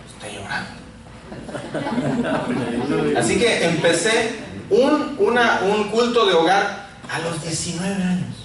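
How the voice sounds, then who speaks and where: A man from Mexico, preaching a sermon full of personal testimony and swinging from loud calls to quiet asides. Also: high voice, big pitch swings, takes it slowly, long pauses, a crowd in the background. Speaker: pastor. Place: large echoey church hall. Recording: echoey church hall, mic far off, faint noise.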